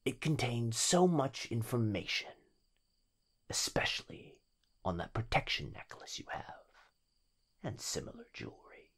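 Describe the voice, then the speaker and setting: Pushed up from a mid-range pitch, this very animated, fairly bright male voice is a full character performance of a sinister living shadow in a yandere ASMR roleplay. Breathy, husky, and often close to a whisper, it drawls slowly with predatory menace and a possessive, mocking tenderness. The tone is smug and menacing.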